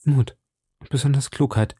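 A man voicing a loyal, anxious young woman in a read-aloud storybook, speaking with hushed urgency. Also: medium pitch, steady tone, normal speed, breathy edge, no room sound, clean studio sound, pitched above the performer's own voice, close to an everyday voice. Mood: urgent.

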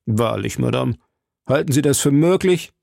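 A man playing a coldly mocking aristocratic lord who speaks in a smooth, measured and sneering way. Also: mid-range voice, animated, a little mellow, no echo, studio quality. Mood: scornful.

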